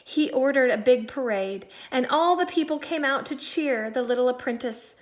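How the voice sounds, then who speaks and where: Reading a children's book aloud, a primary school teacher, specifically a second-grade teacher, uses her fairly high-pitched voice deliberately and with plenty of expression. Key words get extra emphasis for young ears, and she slips into soft asides along the way.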